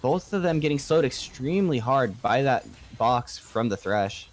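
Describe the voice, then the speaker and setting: Calling a live video game match play by play, this man grows excitable whenever the action heats up. He has a medium pitch and keeps a moderate pace.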